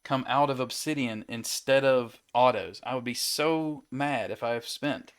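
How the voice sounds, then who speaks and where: A man's voice: mid-range voice, unhurried, smooth. A young adult man hosting a trading card break, chatting casually and calling out player names as he opens packs. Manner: easygoing, rattles off player names between chat. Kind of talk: casual chat while opening card packs.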